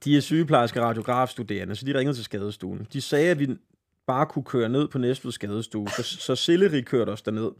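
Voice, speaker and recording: A male podcast host with a middle-pitched voice reads a listener's night-out story. He talks loosely, swears casually and trips over words. He laughs between phrases. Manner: lively, laughing, swearing casually, stumbles while reading. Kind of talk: casual podcast chat, reading listener stories aloud.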